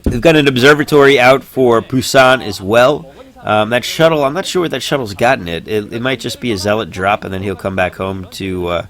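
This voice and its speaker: Male solo streamer-caster, mid-pitched and relaxed, hiccups, spikes into excited calls on big plays. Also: fairly quick. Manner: casual and chatty, rising to excited shouts on big plays. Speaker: esports caster. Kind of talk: solo live-stream game commentary.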